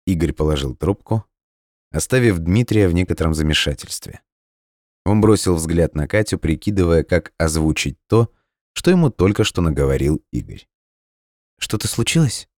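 Very deep-voiced male audiobook narrator. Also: dry recording, clean studio sound. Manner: measured, even storytelling.

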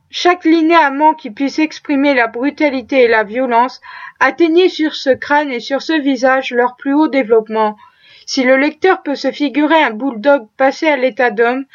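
Woman audiobook reader, high voice, steady measured delivery, muffled lo-fi sound. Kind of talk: reading a classic novel aloud.

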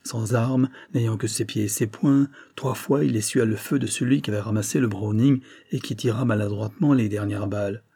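A man reading a classic adventure novel aloud in steady, measured narration. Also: on the low side, slightly rough. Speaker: audiobook narrator. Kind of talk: scripted narration.

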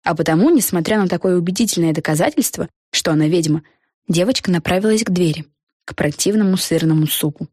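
A woman reading a children's storybook aloud in an expressive, measured manner. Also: fairly low pitch, breathy edge, dry recording, studio quality. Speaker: audiobook narrator. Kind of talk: storybook narration.

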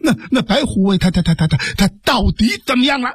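A man's voice: high voice, lively intonation, fast, husky, dry recording, studio quality. Man doing a shaken grieving imperial official. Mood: frantic. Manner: stammering, heavy-hearted.

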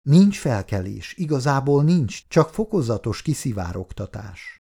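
A man reading a fragile, unstable woman in an audiobook, speaking in a hushed, low way. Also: big pitch swings, vocal fry, husky, full character voice. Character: fragile, unstable woman confiding secrets to her husband.

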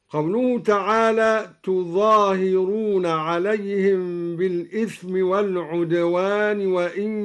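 A man teaching Quranic recitation variants, alternating measured explanation with chanted verses. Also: high voice, clear, resonant tone.

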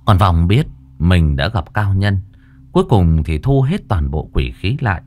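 A man tells a ghost story in a dramatic, expressive style. His voice sits very low yet rises and falls with lively swings. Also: a little slow.

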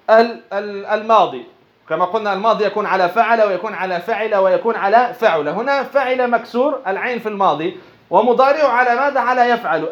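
Quick high-voiced man teaching grammar. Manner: poses rhetorical questions then answers them; repeats and restarts phrases as he explains. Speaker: Islamic studies teacher. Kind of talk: explaining a grammar text line by line. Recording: dull lo-fi recording.

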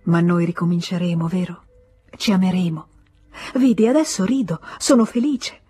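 Una narratrice interpreta una donna innamorata e disperata, voce velata e grave. Implora e accarezza con le parole, sempre al limite del pianto trattenuto. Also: female voice, fairly low pitch, expressive, moderate pace, dark tone, breathy edge, soft background music. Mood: coaxing. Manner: pleading, breathless. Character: passionate desperate young woman, pleading lover.

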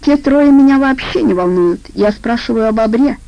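A woman's voice: on the high side, expressive, moderate pace, no room sound, lo-fi sound. A woman voicing a harsh, bossy crime matriarch. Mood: angry. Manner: harsh, curt and commanding. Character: domineering rude middle-aged woman boss.

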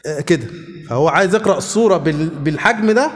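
A man's voice: fairly high pitch, lively intonation, very fast, long reverb tail. A man with an Egyptian accent teaching a religious lesson as a sheikh, often asking his students questions. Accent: Egyptian Arabic.

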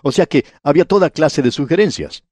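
A man's voice: fairly high pitch, expressive, fairly quick, darkish tone, breathy edge, dry recording. A man teaching a Bible study, reading verses aloud and explaining them directly to the listener. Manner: addresses the listener directly, reads scripture then explains.

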